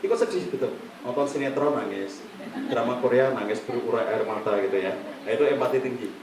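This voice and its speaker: A middle-aged man giving a live workshop on counseling to an audience. He talks in a lively way and acts out examples in quoted voices. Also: medium pitch, brisk, a little hiss or hum. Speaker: counseling trainer. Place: meeting room with a live audience. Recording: echoey room from far off, faint ambience.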